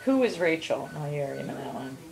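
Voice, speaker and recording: Reassuring mother with a lowish voice. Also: sing-song, fast, vocal fry. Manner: gentle, reassuring, uses endearments. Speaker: mother looking after her son. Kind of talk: casual chat. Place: small dental clinic room.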